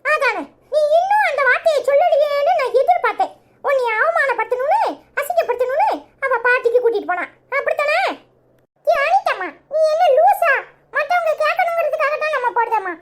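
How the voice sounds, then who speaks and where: Woman voicing a cheeky cartoon daughter, tirunelveli accent, super high squeaky voice, teasing. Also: animated, brisk. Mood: scolding. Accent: Tirunelveli Tamil. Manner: teasing, scolding. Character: teasing young daughter, sharp-tongued.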